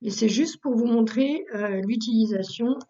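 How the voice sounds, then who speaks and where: A woman who trains people on Google Workspace, explaining a software task step by step with frequent fillers, recorded as a screen tutorial. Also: fairly high pitch, moderate pace, recorded from a distance, lo-fi sound.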